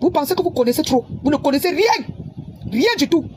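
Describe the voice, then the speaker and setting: High-voiced woman in a heated rant. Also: expressive, a little fast, background noise. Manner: heated, scolding, repeats herself. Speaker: social media personality. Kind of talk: angry livestream rant.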